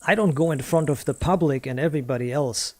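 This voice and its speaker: A man's voice: a little high, fast talker, mellow, faint music behind. A man streaming a game, ranting casually and defensively, repeating rhetorical questions and swearing. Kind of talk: casual ranting while playing.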